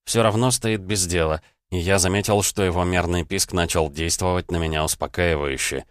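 Deep-voiced male audiobook narrator. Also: steady tone, moderate pace, smooth, no echo, clean studio sound. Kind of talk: scripted first-person narration.

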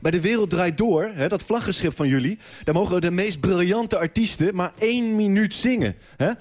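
A man's voice: sits high, moderate pace, a little mellow, lightly acted. A man playing a self-important male TV producer in a radio comedy sketch, talking in a pompous, preachy way. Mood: lecturing.

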